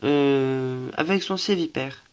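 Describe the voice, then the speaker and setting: A man's voice: medium pitch, takes it slowly, very noisy. A young man from France showing his collection in a casual show-and-tell, hesitant, with many fillers and self-corrections, and stuffy from allergies. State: stuffy, coughing.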